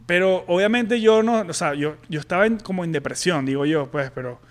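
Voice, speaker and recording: A man co-hosts a casual podcast, candidly telling a personal story full of restarts and fillers. His voice sits high and moves briskly.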